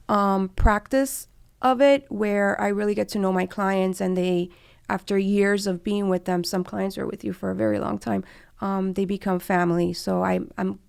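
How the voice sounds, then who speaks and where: A woman in her forties, born in Cuba and brought to the US as a child, tells her own story conversationally as an interview guest; she's an immigration lawyer and law firm partner. Her medium-pitched voice is creaky yet clean, recorded in clean studio sound with no room tone.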